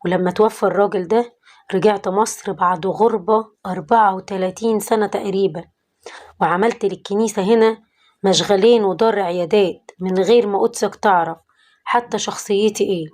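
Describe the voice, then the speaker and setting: A woman's voice: mid-range voice, fairly quick, a little mellow, close to an everyday voice. A woman telling of a repentant ex-thief, Egyptian. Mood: remorseful. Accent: Egyptian Arabic. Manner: pleading confession. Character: repentant former thief, middle-aged man.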